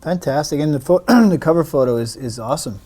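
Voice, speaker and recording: A man's voice: on the high side, expressive, fairly quick, warm tone. A man hosting a podcast interview, mostly chiming in with short affirmations. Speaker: podcast host. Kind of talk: interview chat.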